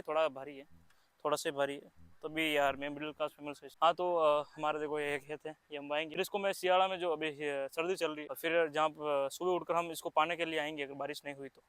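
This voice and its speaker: Young guy w/ rambling about his field, bright voice, handheld mic outdoors. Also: on the high side, steady tone, fairly quick, clean tone, dry recording. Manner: chatty, rambling, with restarts and fillers. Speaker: farming vlogger. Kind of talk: casual outdoor vlog narration. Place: open farm field outdoors.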